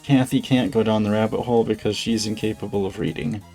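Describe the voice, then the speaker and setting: A man live-streaming a video game, teasing his co-host in a dry, deadpan way. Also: on the low side, fast, soft background music. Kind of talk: casual live-stream chat.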